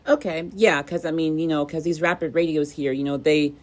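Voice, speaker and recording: A woman with a deep voice talks briskly as she hosts a casual product review video. Her style is conversational, and she often repeats phrases for emphasis.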